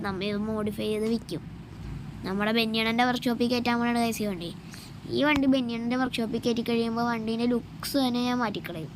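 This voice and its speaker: High-pitched Malayali woman gamer, English mixed in, noisy. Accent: Malayali (Kerala). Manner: addresses viewers repeatedly, repeats phrases. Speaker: gaming YouTuber. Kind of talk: casual game commentary.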